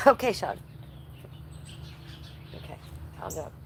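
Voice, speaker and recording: A woman livestreaming outdoors with a summer cold reads her chat casually, answering commenters by name and coughing between remarks. Congested, she takes it slowly in a fairly bright voice, with slight background noise.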